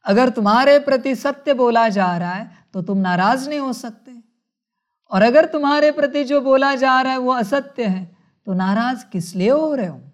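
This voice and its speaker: A woman giving a spiritual sermon, speaking in a measured way, calling her listeners children and asking rhetorical questions. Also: sits high. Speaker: spiritual teacher.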